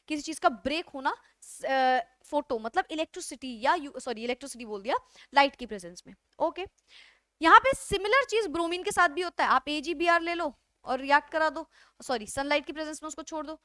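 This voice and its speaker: High-voiced woman teaching chemistry. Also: expressive, a bit bright, no room sound, studio quality. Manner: explains step by step, keeps asking the class questions and answering them; reads English textbook lines slowly. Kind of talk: classroom lecture mixing Hindi and English.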